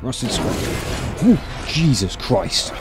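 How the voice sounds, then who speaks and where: This is a video game streamer, a man in his thirties, sitting at a gaming setup in a room and giving relaxed but fed-up, profanity-laced commentary right into the mic. His medium-pitched voice has a sing-song quality, and he takes his time. The game's music and effects can be heard too.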